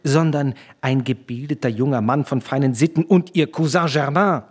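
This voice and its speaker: A man voicing an indignant, hot-tempered young woman with sharp outbursts. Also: mid-range voice, normal speed, slightly rough, natural voice.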